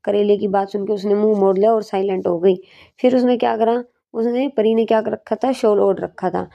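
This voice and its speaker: A woman's voice: medium pitch, steady tone, a little fast, gravelly, lo-fi sound. A woman teacher giving an exam-prep lesson with memory tricks, asking questions and answering them herself.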